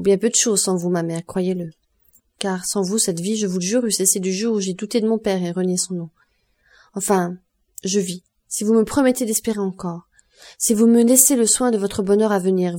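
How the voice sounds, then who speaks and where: A woman's voice: medium pitch, mellow, natural voice. A woman voicing an earnest young man who is a devoted son, in an audiobook reading. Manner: earnest, persuasive, forced cheer.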